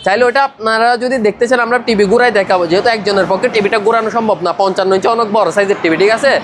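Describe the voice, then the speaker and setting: A man from Bangladesh, a shopkeeper making a sales pitch in a roadside shop, with repetitive selling patter. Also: steady tone, very fast. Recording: faint traffic noise. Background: traffic noise.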